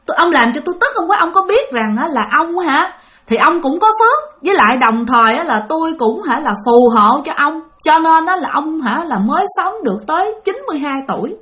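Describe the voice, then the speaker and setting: A woman with a Southern Vietnamese accent voicing the ghost of an old wife who scolds her late husband, in a shrill, reproachful way. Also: big pitch swings, fairly quick, a bit bright. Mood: scolding.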